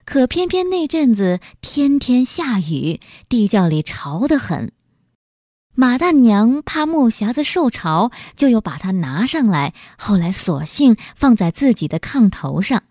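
A woman narrating a dramatic story in an expressive, measured way. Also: on the high side, dry recording, studio quality.

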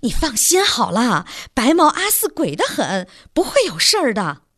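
A woman voicing a gentle, coaxing young wife. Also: on the high side, huge pitch swings, normal speed, no room sound, clean studio sound, full character voice. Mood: soothing. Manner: soothing, coaxing.

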